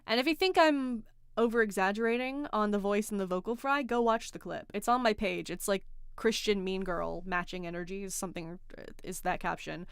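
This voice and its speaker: A woman hosting a livestream in casual chat, sarcastic and animated, reading out chat comments. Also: mid-range voice, a little fast, vocal fry, clean tone, no room sound, studio quality. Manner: animated, sarcastic, reads chat aloud, swears and laughs. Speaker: livestream host.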